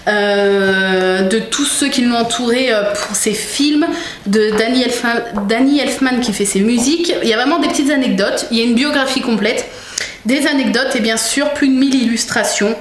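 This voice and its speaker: This young woman's fairly high voice moves at a moderate pace as she vlogs casually in a home room, showing the camera things amid frequent fillers and restarts. The recording has echo and faint background noise.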